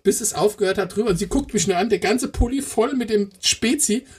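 A man's voice: sits high, brisk, slightly rough. A middle-aged man in casual conversation, telling anecdotes in blunt colloquial language and acting out the quotes. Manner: animated storyteller, blunt and colloquial, acts out quotes. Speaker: co-host of a football talk show.

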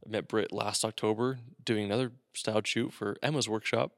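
A man's voice: on the low side, fairly even intonation, brisk, vocal fry, dry recording, studio quality. A man co-hosting a casual podcast chat, joking around and rambling with filler words. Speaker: podcast co-host.

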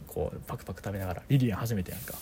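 A man in his thirties with a Kansai accent, chatting casually with his brother on a podcast as co-host, telling stories in an animated way and laughing often. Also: rapid-fire, husky, no echo. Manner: animated storyteller, laughs often, lively rising pitch.

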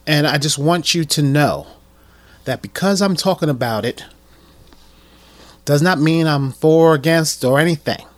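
A man's voice: fairly high pitch, a little slow, pauses often. A man hosting his podcast, talking in a loose, joking way and stumbling over his cue cards. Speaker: podcast host. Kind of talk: casual podcast chat.

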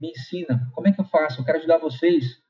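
High-voiced São man giving encouragement. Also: fast, faint music behind. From São Paulo, Brazil. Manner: conversational, repeats phrases and tags with "né". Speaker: motivational speaker. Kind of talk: motivational talk with personal anecdote. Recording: slightly dull lo-fi recording.

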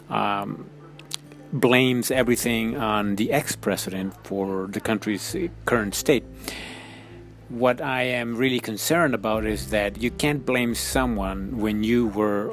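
Ecuadorian man musing with soft music. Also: fairly low pitch. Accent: Ecuadorian Spanish. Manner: hesitant, many ums and restarts. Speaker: podcast host. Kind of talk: casual spoken monologue. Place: United States.

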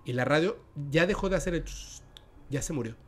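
A man with a Mexican accent casually telling a spooky story as a podcast host, with a dramatic delivery that sinks into a hush at tense moments. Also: a little high, lively intonation, fairly quick.

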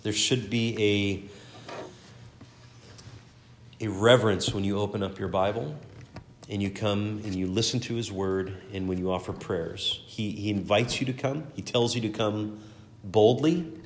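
Teaching a Sunday school class, a man reads scripture aloud with earnest emphasis, often repeating words as he hunts for the right phrasing. His voice is lowish and moderately paced, with a little hiss or hum on the recording.

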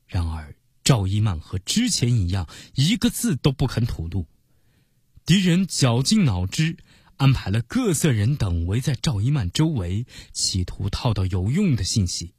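A man narrating a story for children in an expressive, animated way. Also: medium pitch, breathy edge, dry recording, clean studio sound.

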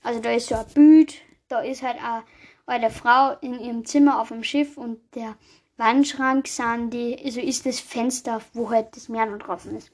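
High-voiced woman reading jokes. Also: fairly even intonation, moderate pace, a little mellow. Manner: reads jokes with small slips and asides. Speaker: podcast host.

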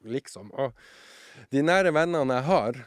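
A man telling a funny story as a podcast guest, acting out voices and shouting some lines. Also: medium pitch, no echo, clean studio sound. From southern Norway. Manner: animated anecdote-teller, acts out voices and shouts. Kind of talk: casual storytelling.

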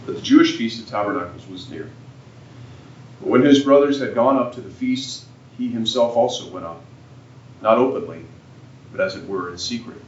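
Priest with cathedral echo. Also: male voice, on the low side. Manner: slow, measured delivery. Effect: cathedral echo around the voice. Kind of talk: reading scripture and preaching at Mass. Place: large church. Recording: echoey church from far off, dull and noisy.

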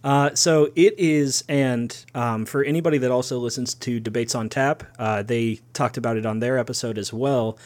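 A man's voice: mid-range voice, fairly even intonation, moderate pace, hardly any pauses, darkish tone. Man explaining games in casual chat. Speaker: podcast co-host.

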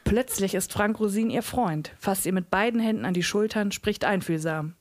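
A woman's voice: medium pitch, normal speed. A woman author reading from her own book at a live event, with dry comic narration.

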